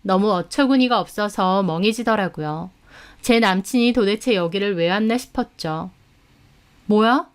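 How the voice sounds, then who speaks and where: A woman's voice: medium pitch, clean tone. Woman narrating a dramatic story. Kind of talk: first-person story narration.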